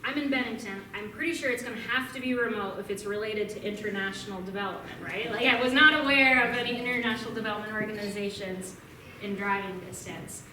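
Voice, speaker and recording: In a noisy, echoing room with crowd sound, recorded from a distance, a young adult woman from Vermont speaks fast in a mid-range voice. She is a guest at a club meeting, giving an upbeat, chatty talk and answering questions, with frequent ums.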